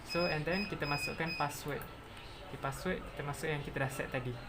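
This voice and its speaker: Speaking briskly at medium pitch, a Malaysian-accented presenter narrates a step-by-step software tutorial. English technical terms are woven into the explanation.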